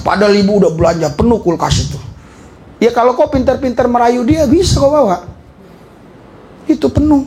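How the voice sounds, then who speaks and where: A middle-aged man from Indonesia, a pastor preaching a lively sermon, laughing often and shouting at times. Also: high voice.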